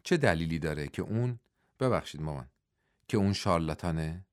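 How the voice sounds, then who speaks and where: A man's voice: deep voice, animated, clear, resonant tone, voice pushed down. A man voicing an outspoken young man who talks to his elders bluntly and challengingly.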